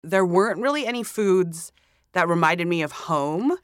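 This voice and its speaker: A young woman from Hong Kong chats casually as a podcast guest in a recording studio, relaxed and sprinkling in lots of "like." Her lowish, smooth voice moves at a moderate pace, and the studio sound is clean with no room noise.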